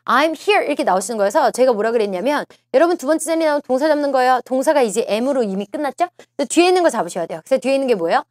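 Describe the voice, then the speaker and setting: A woman's voice: sits high, animated, rapid-fire, few pauses, no room sound, clean studio sound. A woman teaching a listening-test prep lecture, coaxing her students, repeating key phrases and asking them questions. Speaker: TOEIC listening instructor.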